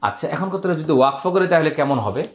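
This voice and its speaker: Echoey male Quran teacher, patient and slow. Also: fairly high pitch, animated. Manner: explains rules step by step, drawing out Arabic words slowly. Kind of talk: Quran recitation lesson.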